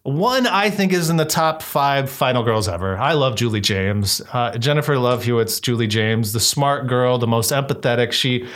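Casual man co-hosting a film chat, lively and quick to rise in pitch. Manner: animated, pitch jumps up often. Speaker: podcast co-host.

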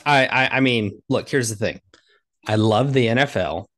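Male podcast co-host, raspy and a bit hoarse, mid-pitched, informal sports chat and storytelling. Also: moderate pace, fairly bright tone. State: hoarse after vacation.

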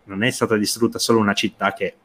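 A man's voice: lowish voice, flat delivery, quick pace, a bit bright. A man co-hosting a livestream about a TV episode, talking hesitantly with many fillers and occasional light laughter.

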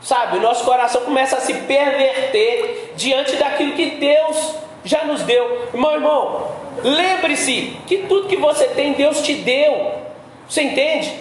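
A man's voice: very high voice, measured pace. A Brazilian man preaching a sermon as pastor, talking in a conversational way and often putting direct questions to his listeners. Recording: very echoey room with faint background noise.

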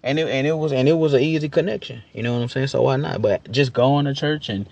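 A young man with a gravelly voice giving a casual, opinionated rant in a slangy, rambling, emphatic way, repeating his phrases. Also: medium pitch, fast, a little mellow, muffled recording. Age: young adult. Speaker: commentator giving personal opinions.

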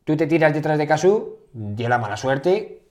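A man's voice: fairly high pitch, animated, moderate pace. A man hosting a casual interview, recalling shared moments and asking reflective questions in a chatty way. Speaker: interviewer and host.

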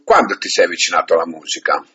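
A man hosting a radio interview, lively and hesitant, with many fillers. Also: deep voice, very fast, slightly rough. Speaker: radio host. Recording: dull lo-fi radio sound.

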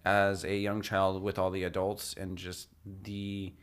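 A man's voice: sits low, completely flat delivery, unhurried, smooth. A man co-hosting a podcast in a casual, upbeat and playful way, steering the conversation. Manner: upbeat, playful, leads the segments. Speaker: podcast co-host. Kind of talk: casual chat.

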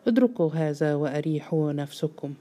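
A woman's voice: deep voice, animated, brisk, dark tone, soft background music. A woman voicing a bitter, scornful young man who mocks his brother. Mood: defiant. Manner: sneering, defiant.

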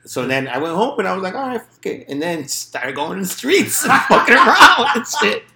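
A man with a clear-cut, bright voice tells stories in a loose, streetwise way. His talk is casual and full of swearing and slang. The room around him echoes. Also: high-pitched, big pitch swings, brisk. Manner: streetwise slang, peppered with "bro" and "dude". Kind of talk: casual profane storytelling. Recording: roomy, echoing room sound.

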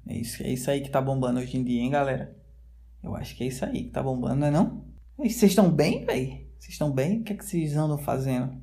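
A man's voice: fairly high pitch, dark tone. A man talking straight to his viewers in a casual, rambling monologue, full of slang fillers and loose tangents, recorded indoors at home. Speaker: vlogger.

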